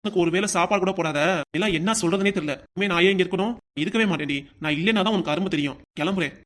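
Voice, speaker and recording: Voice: medium pitch, rapid-fire, a bit bright, close to an everyday voice. A performer voicing a wronged, hot-tempered young husband in a cartoon comedy, with a southern Tamil Nadu accent and a demanding, quarrelsome manner. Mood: furious. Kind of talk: cartoon comedy sketch acting.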